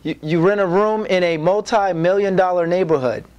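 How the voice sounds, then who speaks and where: An actor doing a stiff, formal TV interviewer with a high voice, pressing his questions again and again. He keeps restarting mid-question in this comedy sketch interview. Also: normal speed, a little mellow, clean tone, lightly acted. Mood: earnest. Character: stiff, persistent male TV interviewer.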